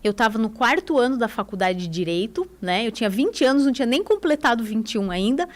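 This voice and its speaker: Brazilian woman chatting on the radio, kinda high voice, eager, keeps asking right?. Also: very animated, quick pace. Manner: chatty, enthusiastic, many tag questions. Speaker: radio guest, English teacher. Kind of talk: casual radio conversation.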